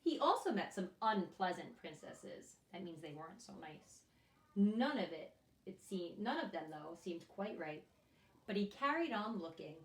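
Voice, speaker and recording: Her lowish voice keeps a normal speed as she reads a picture book to small children, rising and falling with very lively, swooping expression. Now and then she stops to ask the kids questions directly. The mic is a little distant and the room echoes.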